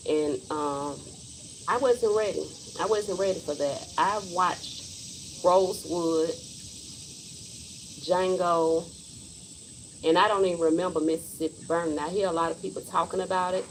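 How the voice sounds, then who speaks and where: Blunt, low-voiced woman in her forties. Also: a little slow, long pauses, a little hiss or hum, low-quality recording. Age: 40s. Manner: blunt and emphatic, speaks her mind. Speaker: livestream host. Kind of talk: casual livestream monologue.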